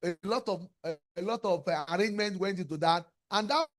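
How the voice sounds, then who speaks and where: Man, high voice, lecture delivery, rhetorical questions. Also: brisk, fairly bright tone. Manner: asks rhetorical questions, repeats words while searching. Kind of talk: academic lecture. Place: lecture room.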